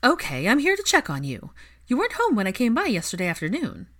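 A brash, teasing young woman, as a woman puts her on for a spoken story. She's loud and bossy, pitched well above the reader's own voice. Her lines swoop up and down. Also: very animated, brisk. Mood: breezy.

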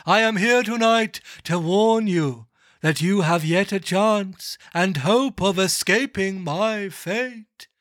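A mournful chained ghost, wailing its lines out slowly in a high, strained voice, as a man puts him on. The solemn phantom drags every word, dry and close to the mic. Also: a bit bright, no echo. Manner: drawn-out wailing delivery, voice rising high. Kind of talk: dramatic reading of a classic novel.

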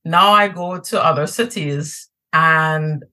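This Trinidadian podcast guest has a low-sitting, bright voice with a forceful tone, and she speaks slowly. She chats in an easygoing, casual way, with many filler words and frequent restarts.

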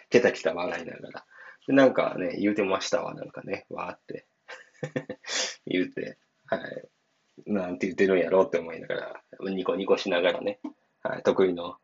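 A man with a Kansai accent chats alone on his podcast in a lowish voice that still sounds half awake. He rambles, apologizes and chuckles, and the recording comes through slightly muffled. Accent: Kansai Japanese. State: voice not fully awake, low and subdued. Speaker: podcast host and shop owner. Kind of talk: casual solo podcast chat.

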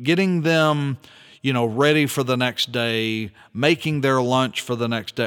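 A man speaks in an unhurried, deliberate monologue, his pitch rising and falling expressively as he poses rhetorical questions. His earnest, reflective delivery carries a long reverberant tail, as if recorded in a hall. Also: a bit bright. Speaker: speaker commenting on an article.

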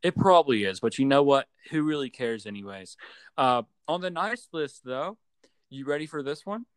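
A man's voice: medium pitch, lively intonation, normal speed, clean tone, no room sound, poor audio. A young man in a casual sports voice chat over a phone, giving opinions in a teasing, mock-serious way. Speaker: sports podcast co-host. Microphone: remote voice chat call on a phone.

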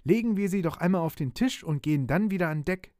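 A man's voice: fast, no echo, studio quality. A man doing a jittery young ship's mate. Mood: excited. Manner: excited, high-pitched outbursts. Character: excitable, nervous young male ship's mate.

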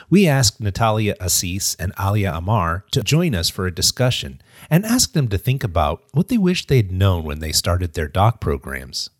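A man's voice: on the low side, dry recording, clean studio sound. A man hosting an academic podcast, reading the introduction and leading the interview. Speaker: podcast host.

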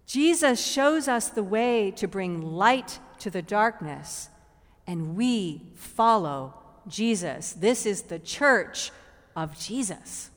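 A woman priest giving a sermon in an unhurried way, often repeating a word as she restarts. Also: mid-range voice, lively intonation. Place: church. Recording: church with long reverb.

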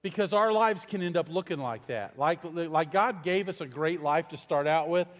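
A man's voice: fairly high pitch, moderate pace. A middle-aged man, a pastor, preaching a sermon in a large church in a conversational, storytelling way and putting questions to the congregation. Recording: long reverb in a large church hall.

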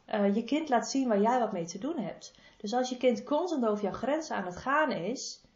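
This female therapist, who works with body energy, talks at normal speed with a highish, lively voice, giving casual advice. Affectionate and informal, she repeats what she recommends, and the room-heavy recording sounds slightly muffled and dull.

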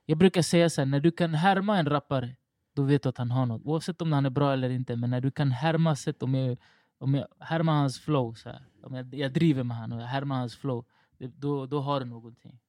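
A man from Stockholm hosting a casual podcast chat, laid-back and slangy, talking in quick bursts. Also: medium pitch, darkish tone, no room sound, clean studio sound. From Rinkeby, Stockholm, Sweden.

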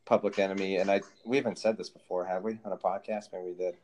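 A man's voice: sits low, steady tone, fast, a crowd in the background. A man co-hosting a podcast in casual chat, rambling through topics with many fillers. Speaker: podcast co-host.

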